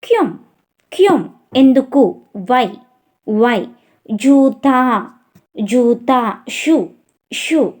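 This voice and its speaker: Slow, higher-pitched woman teaching vocabulary. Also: expressive, a little mellow. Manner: repeats each word slowly, then gives meanings. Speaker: language teacher. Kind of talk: vocabulary lesson.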